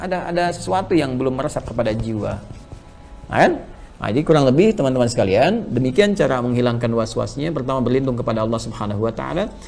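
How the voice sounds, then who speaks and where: A man preaching a sermon, moving between loud, emphatic teaching and hushed, prayerful recitation of supplications. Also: mid-range voice, lively intonation, fast, gravelly. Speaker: Islamic preacher. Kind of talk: sermon answering a question.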